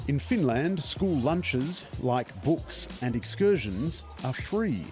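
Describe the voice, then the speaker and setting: A man narrating a documentary in a measured, scripted delivery. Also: medium pitch, sing-song, over loud music.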